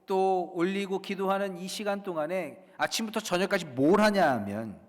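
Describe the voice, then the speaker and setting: A man preaching a sermon as a pastor, swinging between loud declarations and hushed whispers. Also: high voice, moderate pace, long reverb tail. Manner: dynamic preaching, dropping to soft whispers for emphasis.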